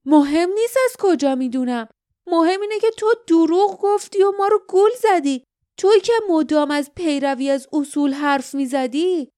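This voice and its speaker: A woman voicing a hot-tempered young male hero who shouts accusations in an audiobook. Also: sits high, no room sound, clean studio sound, voice pushed up, lightly acted. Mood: angry.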